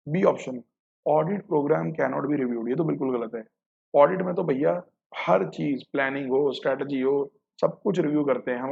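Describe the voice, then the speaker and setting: A man's voice: on the high side, vocal fry, darkish tone, breathy edge. A man tutoring accounting exam students, explaining multiple-choice answers step by step, mixing English terms in and calling his students brother. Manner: addresses students casually, calling them brother. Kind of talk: exam-prep lecture walking through multiple-choice questions. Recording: dull lo-fi recording.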